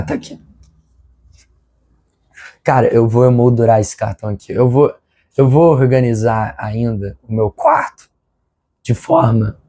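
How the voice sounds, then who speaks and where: Hoarse Brazilian man with a smoker's rasp. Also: mid-range voice, warm tone. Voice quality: congested, nasal. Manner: apologetic, rambling. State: hoarse, strained sore throat with throat clearing. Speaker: football fan channel host. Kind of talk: casual news vlog. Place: his room at home.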